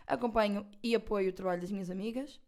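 A woman's voice: medium pitch, darkish tone. Chatty young Portuguese woman podcaster. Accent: European Portuguese. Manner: chatty and playful, quick slangy asides. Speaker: podcast host. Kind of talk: casual podcast chat.

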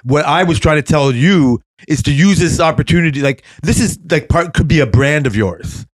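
A man's voice: fairly high pitch, moderate pace. Joking, rambling male podcast co-host. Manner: joking, rambling, swears a lot. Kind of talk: casual chat.

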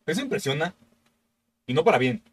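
Mexican male comedy podcaster, teasing and mock-insulting, voice slightly high. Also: very animated, a little fast. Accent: Mexican Spanish. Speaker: podcast co-host. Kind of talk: casual comedy chat.

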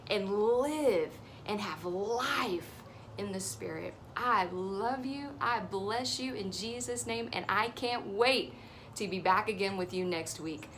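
A woman's voice: medium pitch, slight background noise. A woman in her thirties giving an earnest, encouraging devotional teaching as host of her ministry show.

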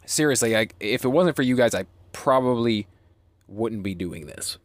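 A man's voice: mid-range voice, lively intonation, moderate pace, dry recording. Rambling, joking male podcast host. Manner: rambling, joking, self-deprecating. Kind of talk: casual chat.

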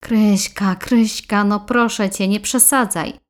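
A woman's voice: medium pitch, steady tone, slow, close to an everyday voice. A woman voicing an impatient grown son who brushes off worries dismissively.

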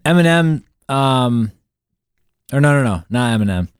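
A man's voice: medium pitch, lively intonation, unhurried, clean tone, no echo, clean studio sound. A man co-hosting a casual podcast, recapping news with fillers and restarts. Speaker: podcast co-host.

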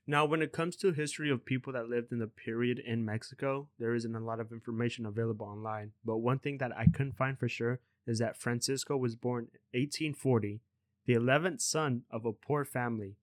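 A young man chats his way through a podcast segment in a loose, rambling manner. His voice sits at an ordinary middle pitch. The sound is dry and close, with no room around it. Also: brisk, no echo. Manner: rambling, loose, swears casually. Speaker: podcast host. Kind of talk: casual podcast chat.

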